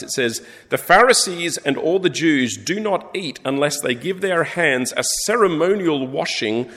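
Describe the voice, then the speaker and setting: A man preaching a sermon, telling the story in an animated way and acting out the characters. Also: medium pitch, vocal fry. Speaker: pastor. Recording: long hall reverb.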